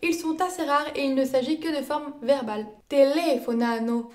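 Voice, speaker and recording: A native French speaker, this young woman is still learning Italian yet is teaching a lesson in it. Her voice sits high and sounds a little mellow as she follows a script, carefully laying out each point and stopping to say example words aloud.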